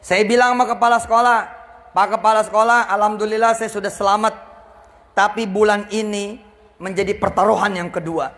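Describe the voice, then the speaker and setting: Animated gravelly-voiced male preacher. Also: high voice, fairly quick. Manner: animated, acts out dialogue with raised voice. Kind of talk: storytelling sermon.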